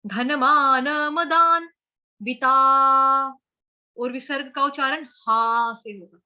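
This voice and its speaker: A woman's voice: high voice, steady tone, drawn-out words, pushed and bright, dull audio. A woman teaching Sanskrit verse recitation, spelling words out letter by letter and then chanting the full verse. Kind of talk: slow syllable-by-syllable recitation lesson.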